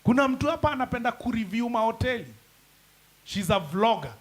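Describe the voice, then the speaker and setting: Kenyan man, chatty panelist, high and light voice, jokes and slips into slang. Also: big pitch swings, a little fast. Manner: chatty, joking, mixes English with Swahili slang. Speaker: forum panelist. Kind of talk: casual panel talk.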